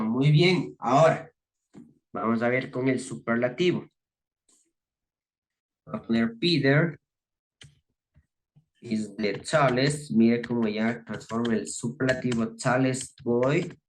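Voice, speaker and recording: Slow, patient male English teacher. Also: a little high, fairly bright tone. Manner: patient, explains step by step, asks "¿no?" and "¿ya?" for confirmation; reads English words slowly and clearly, then gives the Spanish meaning. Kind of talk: recorded grammar lesson.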